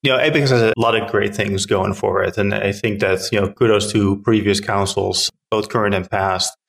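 A man's voice: on the low side, steady tone, normal speed, gravelly, fairly bright tone. A middle-aged man from the Netherlands, a town council member answering interview questions earnestly with frequent fillers and restarts.

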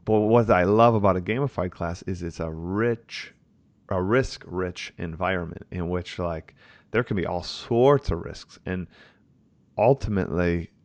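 Deep gravelly male host, dry sound. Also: unhurried, no room sound. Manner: reflective, enthusiastic, thinks aloud with fillers. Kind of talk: conversational commentary.

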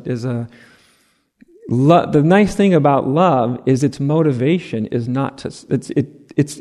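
A man's voice: fairly high pitch, a little mellow. Man giving a spiritual talk in a hall. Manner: conversational, frequent "right?" asides, light laughter. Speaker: spiritual teacher. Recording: long hall reverb.

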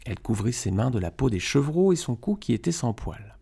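A man reading a Bible chapter aloud in a steady, measured way. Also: medium pitch, gravelly, slightly rough. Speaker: Bible reader.

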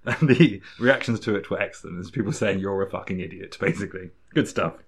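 A man with a fairly low voice co-hosts a casual podcast. He jokes drily and laughs often. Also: fairly quick, breathy edge. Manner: laughs often, dry joking. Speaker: podcast co-host. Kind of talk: casual chat.

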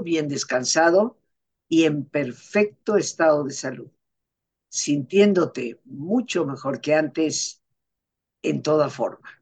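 A host speaking as a guide in slow, soothing relaxation narration, like a sleep story narrator, giving unhurried instructions. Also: medium pitch, a little mellow, husky. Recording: music behind the voice. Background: music.

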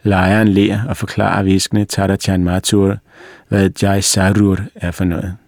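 A man reading a story aloud as narrator, in a steady and measured manner. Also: sits low, gravelly, dry recording, studio quality. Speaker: reader.

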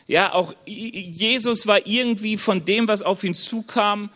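Man with a notably high voice for the preacher role; casual sermon delivery that gropes for words. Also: a little slow, sharp tone. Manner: informal, searching for words, chuckles now and then. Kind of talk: conversational sermon.

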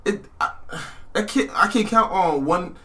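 A man's voice: high-pitched, a little slow, sharp tone. A man co-hosting a podcast in casual chat, opinionated and tripping over his words. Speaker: podcast co-host.

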